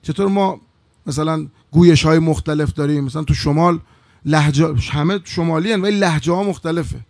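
A male preacher with a somewhat high, gravelly voice tells a religious story in a sermon. He drops to a hush and then rises into loud, emotional outbursts, and he draws out chanted phrases slowly. The sound is close and dry. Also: dry recording. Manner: drawn-out chanted Arabic phrases.

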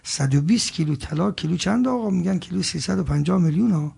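A man preaching a sermon, swelling from quiet asides to loud emphatic peaks, chanting scripture slowly and joking with the audience. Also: high-pitched, animated, creaky, breathy edge. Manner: jokes with the audience between points.

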